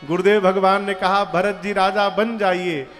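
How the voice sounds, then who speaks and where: A man preaching a devotional story sermon, slow and emphatic, acting out dialogue and chanting verses. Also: sits high, level tone, a bit bright. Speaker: Ram Katha preacher. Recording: long hall reverb with faint music.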